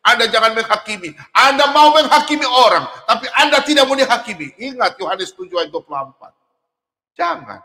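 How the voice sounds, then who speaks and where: Middle-aged male preacher, very high voice, animated, laughing and shouting at times, long hall reverb. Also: brisk. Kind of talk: sermon.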